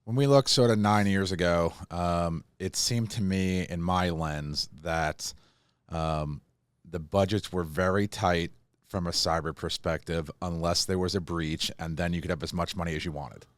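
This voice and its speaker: A man hosting a podcast interview, asking questions in a relaxed, conversational way. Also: low-pitched, unhurried, smooth, no echo. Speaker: podcast host.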